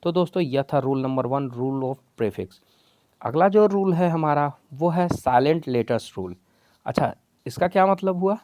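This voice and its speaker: A man's voice: on the high side, animated, measured pace, darkish tone, no room sound. A man teaching spelling rules patiently, step by step, calling his viewers friends. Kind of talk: explaining a lesson in Hindi.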